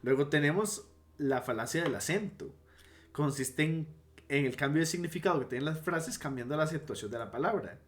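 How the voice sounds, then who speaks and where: A man's voice: on the high side, lively intonation. Man teaching logic in a casual lecture. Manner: explanatory, pauses to restate and correct himself.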